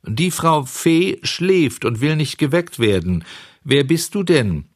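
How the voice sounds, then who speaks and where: A man doing a slow, placid snail. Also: on the high side, voice pushed up, heavily acted. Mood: placid, unhurried. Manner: drawn-out, unhurried, calm.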